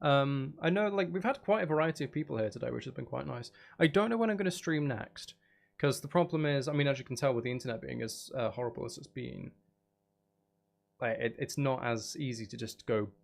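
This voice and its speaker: Speaking fairly quickly with vocal fry, a mid-range-voiced man rambles and thinks aloud during a casual livestream where he makes music.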